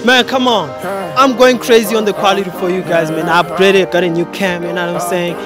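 A man's voice: high voice, steady tone, fairly quick. A young man doing a cheeky, slang-heavy street interview outdoors on a suburban road, speaking into a handheld phone, with music under him. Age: young adult. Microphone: phone held as mic.

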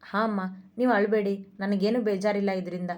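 Give me a proud young man with a steady, even voice, read by a woman storyteller. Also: mid-range voice, moderate pace, dull audio, lightly acted. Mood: earnest. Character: proud young wealthy man, blunt and loving son.

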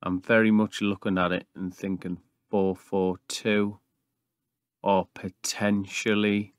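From a cramped attic room with brick walls, a thirty-something YouTube gaming host talks casually over video games. His lowish voice stays level and unhurried, recorded cleanly at studio quality without echo.

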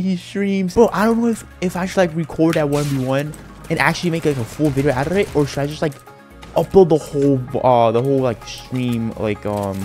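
A male gaming YouTuber giving excitable, slang-heavy live commentary while he plays. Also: medium pitch. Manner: excitable, slangy, says "bro" constantly.

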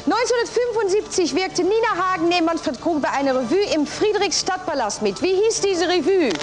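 High lively woman hosting a quiz show. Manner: brisk, chatty quizmaster who reads questions and announces scores. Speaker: game show host. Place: TV game show studio. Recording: music and audience in the studio. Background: studio music and audience.

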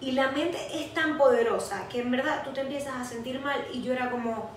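A young Venezuelan-accented woman with a high voice, telling a personal story in a lively, self-mocking way on a casual podcast. The mic sits far off in a very echoey room with faint hiss. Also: brisk. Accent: Venezuelan Spanish. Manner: animated storytelling, laughing at herself. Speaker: podcast co-host. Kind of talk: casual chat.

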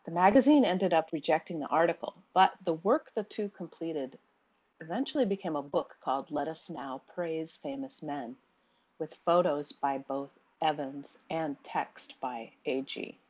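Her voice is low and a bit husky as she lectures steadily through a slide sequence, reading quotations aloud with the odd um along the way. The audio quality is dull and lo-fi, and her delivery stays measured throughout.

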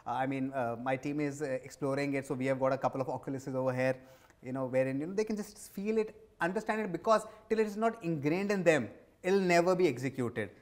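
On an indoor office lounge set, a man in his forties wearing a lapel mic speaks quickly in a mid-range voice. He has an Indian accent and answers interview questions in a conversational style as a business executive, often repeating himself for emphasis.

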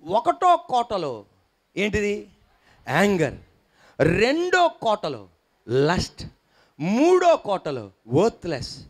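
High-voiced man preaching emphatically. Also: huge pitch swings, slow, pauses often. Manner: emphatic preaching, rising to loud questions; coaxes the congregation to repeat and smile. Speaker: pastor. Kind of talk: sermon. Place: church hall before a congregation.

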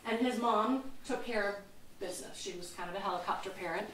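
A woman's voice: mid-range voice, quick pace, fairly bright tone, a little hiss or hum. A woman museum docent giving a casual history talk to a small group, chatty and self-mocking, sometimes searching for a word. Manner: chatty, laughs at herself, loses words. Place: museum lecture room. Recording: echoey room, mic far off.

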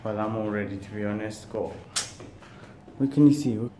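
A man's voice: lowish voice, moderate pace. A young man chatting casually and slangily in a travel vlog, recorded on a phone. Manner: relaxed, slangy, rambling. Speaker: vlogger. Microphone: phone camera. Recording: phone video with loud background noise.

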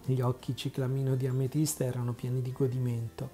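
A man reading a children's storybook aloud in a calm, measured narration. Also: mid-range voice, faint music behind. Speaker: audiobook reader.

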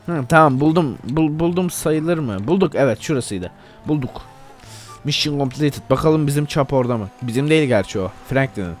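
A man's voice: on the high side, lively intonation, brisk, soft background music. A man giving casual, playful commentary over his own gameplay, joking and talking straight to his viewers. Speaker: gameplay video host.

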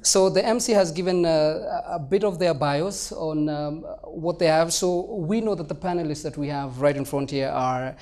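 A man's voice: fairly high pitch, normal speed, few pauses, a little mellow. A young man moderating a live panel discussion on an indoor conference stage, chatty and joking, with many fillers. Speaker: moderator and presenter.

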